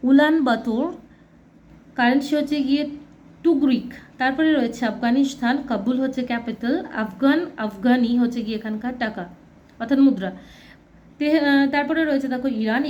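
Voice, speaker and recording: A woman's voice: on the high side, darkish tone, highs cut off, a little hiss or hum. A woman teacher reading through a children's textbook lesson, explaining plainly, spelling out words and warning against mix-ups.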